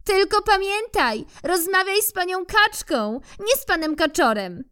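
A woman voicing an eager, persistent female squirrel in a children's storybook reading, in a high, bright, coaxing voice. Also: expressive, a little slow, heavily acted. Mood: cheerful.

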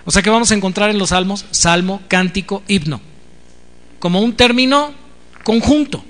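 Male preacher, high voice, teaching sermon, long church reverb. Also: normal speed, fairly bright tone. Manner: teaching, repeats key words with rising emphasis and frequent amens.

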